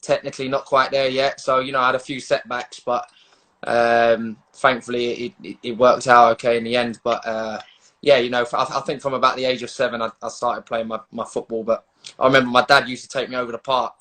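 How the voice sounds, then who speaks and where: London male, footballer in interview, narrow pitch movement, medium pitch, matey slang, hesitant, casual. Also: flat delivery, brisk, fairly bright tone. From London, England. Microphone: video call.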